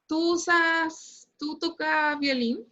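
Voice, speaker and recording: Chilean woman teacher, high voice, keeps saying "right?" while she explains, muffled lo-fi call audio. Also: fairly even intonation, slow, bright, forceful tone. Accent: Chilean Spanish. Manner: explains patiently, constantly tags phrases with "¿cierto?". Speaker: physics teacher. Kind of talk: online class lecture. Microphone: computer mic on a video call.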